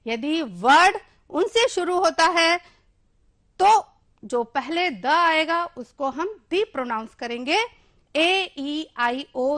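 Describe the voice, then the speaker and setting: A woman teacher explaining an English school text in Hindi, reading the English slowly and translating it line by line. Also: sits high, fairly bright tone. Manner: slow, drawn-out reading of English sentences, then Hindi translation; chants kabaddi calls in quick repeated syllables.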